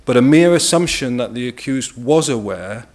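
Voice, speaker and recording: A British man speaks at a press briefing, laying out a legal argument in a formal, measured way. His pitch sits in a middle range, and he leans on key words for emphasis. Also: animated, darkish tone.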